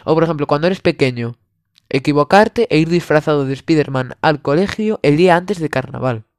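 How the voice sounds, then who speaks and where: A man's voice: a little high, a little fast, dry recording, studio quality. A young man with a Spanish accent from Spain, delivering a sarcastic comedic monologue full of exaggeration and swearing.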